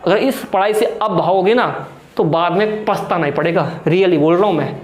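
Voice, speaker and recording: High-voiced young male Hindi tutor. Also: brisk, echoey room, faint music behind. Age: young adult. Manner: exhorting, calls viewers friends and brother, asks then answers own questions. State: sweating. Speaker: Hindi grammar teacher. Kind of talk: exam-prep whiteboard lesson.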